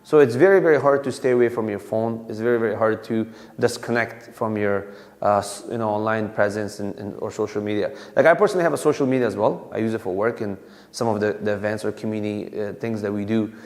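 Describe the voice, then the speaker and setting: A fast-talking police officer from Afghanistan, in his thirties, chats informally to a community hall audience, restarting often and using many fillers. His voice is on the low side, and long hall reverb surrounds it.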